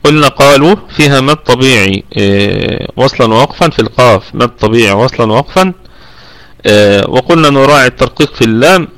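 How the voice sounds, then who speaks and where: A man with an Egyptian accent, teaching Quran recitation rules in an online lesson. He explains patiently, stretches out the words he demonstrates and fills pauses with drawn-out "aah" sounds. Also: medium pitch, animated, fairly bright tone, no echo, low-quality recording. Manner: frequent drawn "aah" fillers between points.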